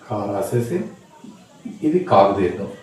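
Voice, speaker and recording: A man teaching how to write letters, repeating each sound slowly and patiently as he writes. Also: lowish voice, sing-song, a little mellow, a little hiss or hum. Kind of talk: writing-board lesson on Tamil letters. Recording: echoey room, voice from far off the mic.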